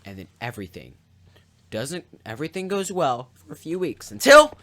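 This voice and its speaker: Rambling man with a lively voice. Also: medium pitch, normal speed. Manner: rambling, many restarts, sarcastic asides, mouth sound effects. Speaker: video host. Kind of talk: casual story retelling.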